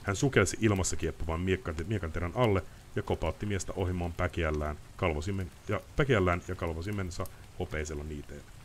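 A man with a low voice reads a novel aloud on a live stream, lively and audiobook-style, throwing in chatty, casual asides. There is slight background noise.

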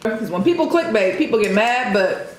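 A woman's voice: fairly high pitch, animated, moderate pace, a loud crowd. A woman in her thirties having a casual chat as she eats at a table. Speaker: co-host of mukbang video. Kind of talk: casual chat while eating. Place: indoor room at a table, eating. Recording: very echoey room, faint noise.

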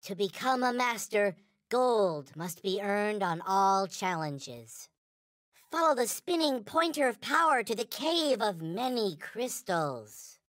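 A man's voice: high-pitched, big pitch swings, takes it slowly, fairly bright tone, dry recording, clean studio sound, heavily acted. A man voicing a small, polite, earnest toy alien from a video game, speaking in formal, stilted, backwards-ordered phrases. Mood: solemn, earnest. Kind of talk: video game character lines.

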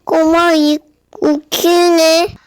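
Woman as a boastful, drawling high-pitched giant warrior. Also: little pitch movement, full character voice. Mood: mocking, menacing. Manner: drawn-out booming laughs and slow taunts. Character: boastful roaring giant warrior man, mocking and menacing. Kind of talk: children's Bible play acting.

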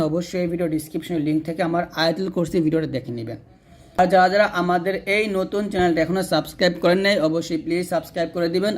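A man with a Bangladeshi Bengali accent and a fairly high voice leads a recitation lesson. He breaks each word into its letters and vowel marks, draws out the sounds syllable by syllable, and has the listener repeat after him. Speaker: Quran teacher. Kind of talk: slow spelled-out recitation lesson.

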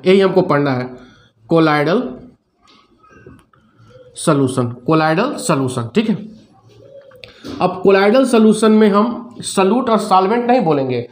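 Middle-aged male chemistry teacher, high-pitched, asks and answers his own questions. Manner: repeats questions and answers them himself; mixes English terms into Hindi. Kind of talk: classroom lecture.

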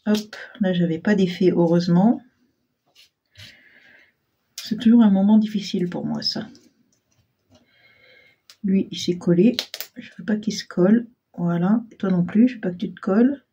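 A woman talks her viewers through a card-making project in an easygoing, self-mocking way, with lots of fillers. Her voice is husky and sits at a middle pitch. She keeps clearing a frog from her throat. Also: normal speed, long pauses, warm tone, dull audio. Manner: chatty, self-deprecating, hesitant with many fillers. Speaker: crafting channel host. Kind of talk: casual crafting tutorial talk.

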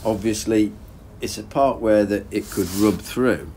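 An unhurried man in his thirties with a voice on the low side narrates rebuilding an engine in his garage. This boat engine vlogger thinks aloud in a relaxed, plain way, and there's a slight hiss or hum on the recording.

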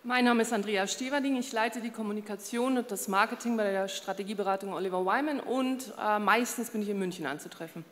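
Woman, 50s, panelist, measured, hesitant fillers, handheld mic, echoing event hall. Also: mid-range voice. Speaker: panelist, communications head. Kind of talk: panel discussion. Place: conference stage in a large hall. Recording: long reverb of event hall.

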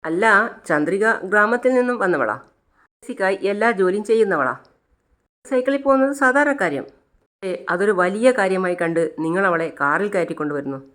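A woman voices a resentful, spoiled grown daughter, sulking and complaining as she argues. The voice sits a little higher than the storyteller's own and pushes forward with grievance. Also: animated, normal speed, lightly acted. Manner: sulky, complaining, confrontational.

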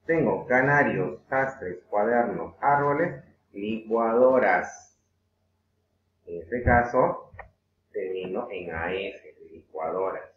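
A man with a Peruvian Spanish accent teaching an online grammar lesson, patient, repeating words slowly with frequent "eh" fillers. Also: lowish voice, a little hiss or hum. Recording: echoey room over a tinny phone-like line.

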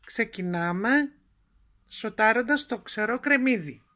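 A woman's voice: a little high, lively intonation, fairly bright tone. Chatty woman cooking at home. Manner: homely, chatty, explaining each step. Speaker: home cook presenting a recipe. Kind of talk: cooking tutorial narration. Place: home kitchen at the stove.

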